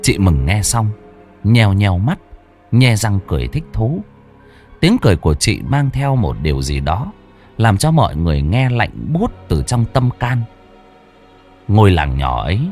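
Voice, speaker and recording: A man's voice: fairly low pitch, big pitch swings, unhurried, darkish tone, faint music behind. Dramatic male horror story narrator. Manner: dramatic, wide-ranging storytelling delivery.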